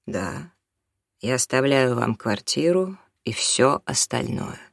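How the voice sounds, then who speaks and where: A reader voicing a middle-aged father who justifies leaving his family, speaking lower than the narration in a pleading, defensive way. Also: animated, slow, vocal fry, no echo, clean studio sound, full character voice. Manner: pleading, defensive, rising to near shouting. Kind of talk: audiobook character reading.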